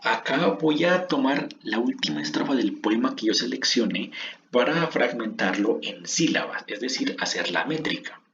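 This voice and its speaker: A man teaching a lesson on poetic meter, counting syllables aloud in a slow, drawn-out way and often restarting his phrases. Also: medium pitch, lively intonation, creaky, a bit bright, muffled recording, slight background noise.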